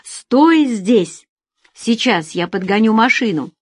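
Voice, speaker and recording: A woman's voice: a little high, animated, slow, slightly rough, no room sound, studio quality, voice pushed up, heavily acted. A woman reading a novel aloud, voicing an eager, lovestruck man who barks short, impatient commands.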